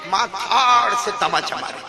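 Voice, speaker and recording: A male preacher telling a story in a sermon, calling on the audience to answer him. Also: sits high. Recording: background music.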